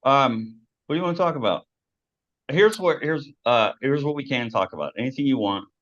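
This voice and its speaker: A man's voice: medium pitch, animated, moderate pace, a bit bright. A man co-hosting a casual live show, joking and laughing often, loose and rambling. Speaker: co-host. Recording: dull lo-fi sound.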